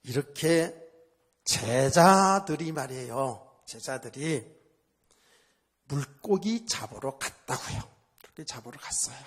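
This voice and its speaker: A man's voice: medium pitch, lively intonation, slow, long pauses, breathy edge. A male pastor preaching a sermon at a church service, in a conversational style, asking the congregation rhetorical questions and repeating phrases for emphasis.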